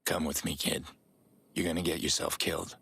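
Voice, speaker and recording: Grizzled male game vigilante: extremely low, husky growl, terse and weary. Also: little pitch movement, moderate pace, fairly bright tone, exaggerated voice. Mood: gruff, resigned. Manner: terse, dry, guarded. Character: grizzled, weary middle-aged male vigilante, gruff and dry.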